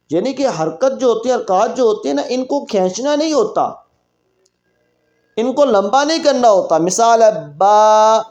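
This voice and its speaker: A man with a Pakistani Urdu accent teaching Quran reading, explaining the rules quickly and then drawing out each letter slowly for practice. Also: sits high, darkish tone, muffled recording. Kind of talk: recorded reading lesson.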